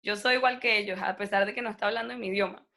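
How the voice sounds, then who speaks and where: Rapid-fire and medium-pitched, a young native Spanish-speaking woman recounts a story as an interview guest. She's lively and relaxed, acting out each person she describes.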